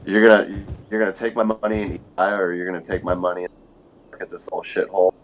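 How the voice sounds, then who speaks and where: A man's voice: sits low, fairly even intonation, quick pace, soft background music. A man arguing bluntly in a casual late-night call, his voice crackling and cutting out from a faulty mic connection. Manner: blunt, argumentative, hesitant with many fillers.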